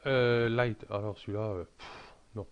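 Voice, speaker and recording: A man talking through a casual software tutorial, hesitant and full of fillers and restarts. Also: fairly low pitch, steady tone, unhurried, muffled recording, slight background noise.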